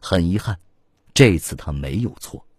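A man's voice: animated, unhurried, a little mellow, breathy edge, no echo, clean studio sound. A man narrating an audiobook in a dramatic storytelling manner, reading scripted narration. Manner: dramatic storytelling with wide swings in pitch.

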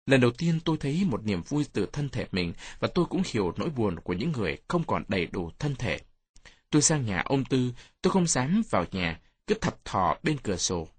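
A man narrating a storybook in a warm, reminiscent storytelling manner. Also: medium pitch, sing-song, a little fast, slightly rough, no room sound.

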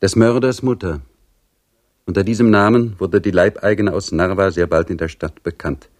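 A man reading a literary story aloud in a measured, composed narrating voice. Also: low voice. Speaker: audiobook reader.

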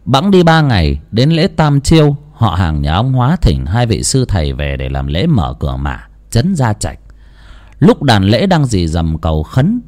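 A man's voice: medium pitch, a little mellow. A man narrating a ghost story in a dramatic, suspenseful way.

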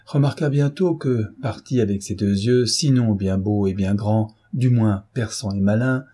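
A man reading a classic novel aloud as an audiobook narrator, in a steady, measured manner. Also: fairly low pitch, husky.

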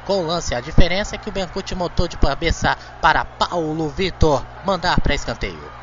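A man's voice: a little high, lively intonation, moderate pace, background noise. A man with a Brazilian accent reporting in live radio football commentary. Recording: dull lo-fi feed, music behind.

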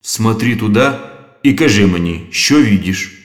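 A man's voice: fairly low pitch, lively intonation, unhurried, roomy sound. A man voicing a foul-mouthed paranoid president. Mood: weary. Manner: coarse, swearing, barking orders.

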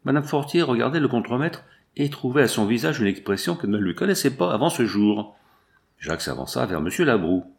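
A male narrator reading a classic novel aloud in measured, expressive storytelling. His voice is gravelly and swings widely in pitch, giving the prose a lively rise and fall. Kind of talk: scripted audiobook narration.

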